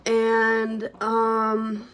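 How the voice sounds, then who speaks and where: A woman's voice: fairly high pitch, completely flat delivery, very slow, fairly bright tone, a little hiss or hum. A young woman vlogging a casual update about her pregnancy, chatty and slangy, and out of breath from being heavily pregnant. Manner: chatty, slangy, laid-back.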